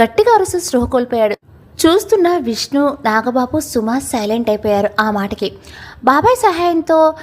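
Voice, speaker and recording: A woman's voice: high voice, darkish tone. A woman narrating a family drama story from a script, reading every character's lines herself.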